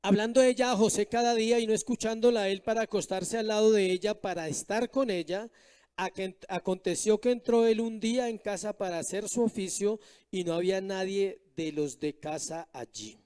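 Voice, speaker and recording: A man preaching from the pulpit, his voice pitched high yet mellow and dark in tone. He reads scripture aloud and keeps turning to the congregation with rhetorical questions, answering them himself. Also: moderate pace, clear, resonant tone. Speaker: pastor. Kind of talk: sermon.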